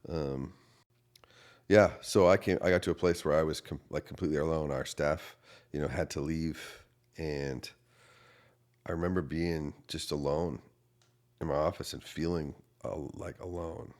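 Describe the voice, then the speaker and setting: A man in his thirties, a pastor, earnestly telling a personal story in a podcast interview, going from quiet to loud. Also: very deep voice, fairly even intonation, moderate pace. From United States. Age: 30s. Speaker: associate pastor.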